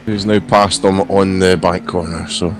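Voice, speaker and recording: A man with a croaky, hoarse voice giving casual live motorsport commentary. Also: low voice, steady tone, unhurried, a little hiss or hum. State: hoarse from coughing. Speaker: sim racing stream commentator.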